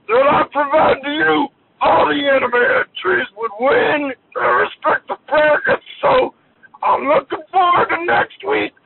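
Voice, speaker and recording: A man putting on a shrill "Queen of Anime" on a phone line. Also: vocal fry, full character voice. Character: shrill, self-styled male "Queen of Anime", petulant and threatening. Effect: over a landline phone. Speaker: caller leaving a voicemail. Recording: tinny phone line with loud hiss.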